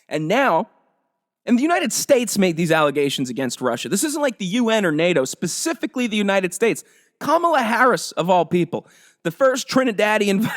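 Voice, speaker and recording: A man hosting his own podcast, delivering a heated, profane and sarcastic comedic rant. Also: high-pitched. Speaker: podcast host.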